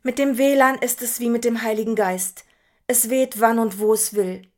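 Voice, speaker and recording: A woman's voice: on the high side, steady tone, normal speed, a little mellow. A woman in her fifties narrating a devotional story in an earnest, reflective, conversational way. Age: 50s.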